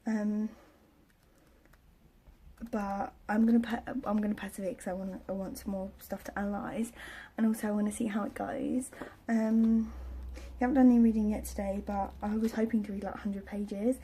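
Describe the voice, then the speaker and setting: A woman's voice: medium pitch, little pitch movement, moderate pace, dark tone, a little hiss or hum, poor audio. A young woman in her twenties whispering a casual home vlog with a slight sore throat, rambling with lots of fillers and restarts. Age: 20s. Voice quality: whispering, breathy. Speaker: vlogger. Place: home, indoors. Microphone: close camera.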